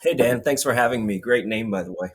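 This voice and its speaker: A Vietnamese entrepreneur in his forties speaks casually as an interview guest, relaxed and rambling with many fillers. His voice is medium-pitched, husky, and fast.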